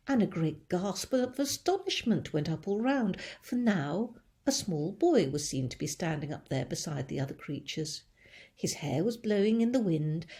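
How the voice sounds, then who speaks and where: A woman teacher reading a children's book aloud with expressive storytelling. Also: medium pitch.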